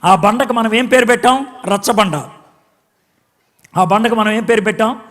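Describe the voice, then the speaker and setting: A pastor giving a dramatic sermon, acting out quotes and swinging between shouts and hushed tones. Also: male voice, sits high, normal speed, in a large hall. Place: church hall.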